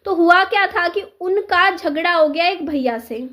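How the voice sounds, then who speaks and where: High-voiced chatty woman telling a story. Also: measured pace, fairly bright tone. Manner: chatty, repeats herself, acts out quoted dialogue. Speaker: vlogger. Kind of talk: casual storytelling to camera.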